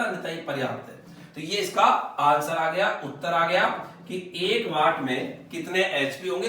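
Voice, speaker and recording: A man teaching physics in a high, bright voice, putting each question to the class and then giving the answer himself in a low murmur. The room rings with strong echo, and he sounds set back from the microphone. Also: recorded from a distance. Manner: repeats key questions and answers them himself; drops to a low quiet voice on answers. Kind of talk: whiteboard exam-prep lecture. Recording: echoey room, voice off-mic.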